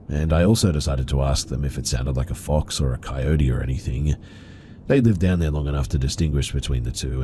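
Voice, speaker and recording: Male horror narrator, extremely deep and mellow, calm scripted read. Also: a little hiss or hum. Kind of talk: scripted narration of reader-submitted stories.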